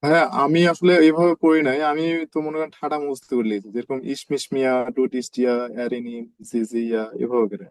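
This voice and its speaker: A man in a language class speaking up quickly and directly about how he memorized the material. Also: mid-range voice, little pitch movement, a little mellow, no room sound, low-quality recording. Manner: quick, direct and a bit insistent. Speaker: student.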